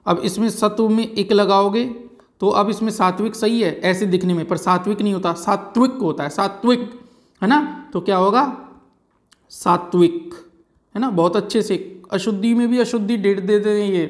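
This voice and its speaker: With a high voice, this male teacher works through grammar in an exam-prep lecture. He repeats important words at a slow pace and keeps asking "है ना" and "ठीक है जी".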